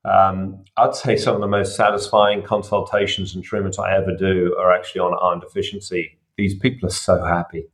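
A middle-aged man with a fairly low voice, speaking as a surgeon guest on a podcast. He walks the listener through ideas patiently, reaching for simple everyday examples. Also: little pitch movement, fairly quick, few pauses. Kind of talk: casual podcast interview.

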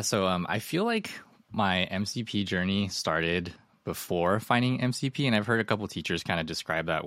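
A man with a very low voice talks eagerly as a podcast guest, rambling as he tells his story. The recording is dry and close. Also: fairly bright tone, no room sound. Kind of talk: casual interview chat.

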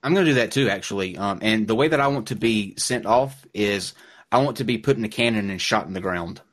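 A man's voice: fairly low pitch, brisk. A man co-hosting a livestream who talks in a rambling, self-deprecating way, his voice cracking a little. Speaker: co-host reading super chats. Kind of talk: casual livestream chat.

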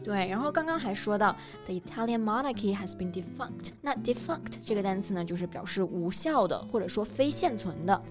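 Mid-pitched woman co-teaching English. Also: expressive, fairly quick, hardly any pauses. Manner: affirming, adds example sentences. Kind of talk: bilingual language lesson. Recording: faint music underneath.

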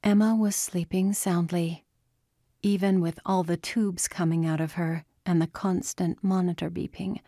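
A woman reads a novel aloud in a steady, unhurried voice, pitched on the low side. The sound is close and dry with no room around it. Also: no echo. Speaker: narrator. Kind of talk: audiobook narration.

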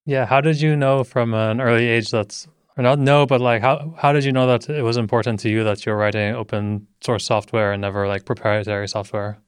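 Male podcast host, smooth clear voice, casual chatty questions, dry close mic. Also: mid-range voice, fairly even intonation, fairly quick, hardly any pauses, no echo. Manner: casual, uses lots of "like". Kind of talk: podcast interview.

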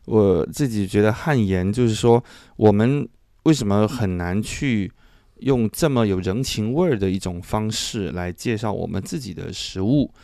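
A man from southern China speaks as an interviewer in a conversational style. His voice is fairly low and recorded dry, without room sound. He winds through long questions, pausing to find words and adding modest remarks about himself. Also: gravelly, dark tone, no room sound. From Chaoshan, southern China.

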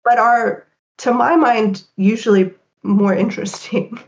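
A woman who writes about games, talking quickly and animatedly as a podcast guest, with fillers. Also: on the high side, fairly even intonation, lo-fi sound. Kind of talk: casual interview chat.

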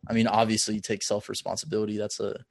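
Laid-back man with a low, monotone voice, rambling, dry sound. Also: rapid-fire, creaky, dry recording. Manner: relaxed, rambling, lots of "like" fillers. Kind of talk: casual conversation.

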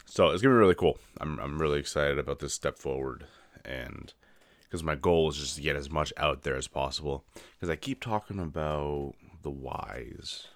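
A man's voice: a bass voice, moderate pace, no echo. A man hosting his own podcast, chatting upbeat and rambling while tired and yawning. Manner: rambling, upbeat, with fillers and yawns. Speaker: podcast host. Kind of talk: casual solo podcast talk.

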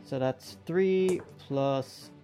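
A man's voice: medium pitch, very slow, mellow, faint music behind. A man playing a tabletop game, eagerly and vividly describing his character's actions. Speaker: player.

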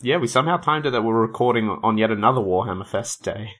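A man's voice: on the low side, animated, quick pace, fairly bright tone. A man co-hosting a podcast in casual chat, with dry, joking banter. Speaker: podcast co-host.

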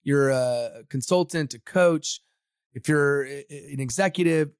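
A Samoan agency founder appears as a guest on a podcast, talking confidently and motivationally in a casual interview. His voice is mid-range and his delivery unhurried. The studio recording is clean, with no echo.

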